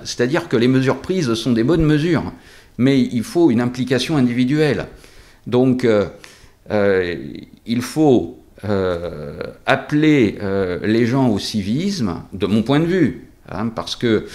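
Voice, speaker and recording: A man speaking through a face mask as a doctor in an interview, explaining things deliberately with hesitant pauses. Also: medium pitch, a little mellow. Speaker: doctor at a local practice being interviewed.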